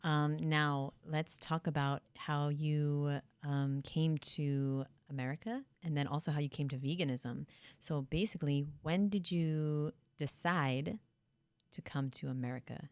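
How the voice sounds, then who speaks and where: A woman's voice: low-pitched, fairly even intonation, unhurried, darkish tone, smooth, no echo. A woman in her thirties hosting a casual interview with her best friend, playful and teasing. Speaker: host.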